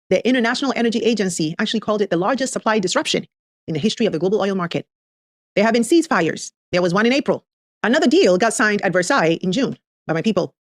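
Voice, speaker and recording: Female explainer host: quick, punchy and emphatic, talking straight to the listener, very dry recording. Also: medium pitch, no echo. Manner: emphatic, direct address with rhetorical build-ups. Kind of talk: scripted explanatory commentary to camera.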